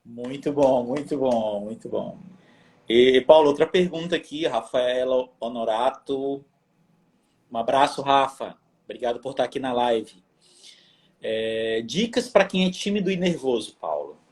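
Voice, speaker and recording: A man's voice: medium pitch, measured pace, a little mellow. A Brazilian man co-hosting a live stream, reading out viewer questions and thanking people by name in an upbeat way. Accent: Brazilian Portuguese.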